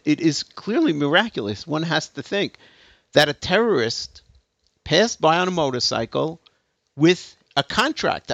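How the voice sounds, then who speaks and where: A man's voice: a little high, creaky, a bit bright, dry recording, dull audio. A man giving a lecture to an audience, telling a story emphatically with hesitant restarts. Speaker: speaker giving a talk.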